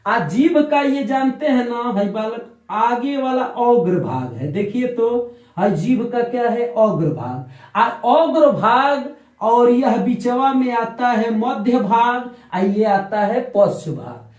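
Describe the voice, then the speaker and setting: A male teacher giving a lecture, drawing out sounds slowly for his students and answering his own questions. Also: very high-pitched, animated, a little mellow, roomy sound, poor audio. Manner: slow, drawn-out explanation, stretching out sounds for learners; asks the class questions and answers them himself. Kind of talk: classroom lecture.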